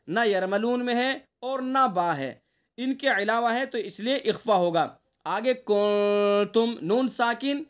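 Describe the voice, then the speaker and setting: A male teacher with an extremely high-pitched, slightly bright voice runs an online class on Quran recitation. He explains each rule with patience, keeps checking on his students, and pronounces the nasal examples himself.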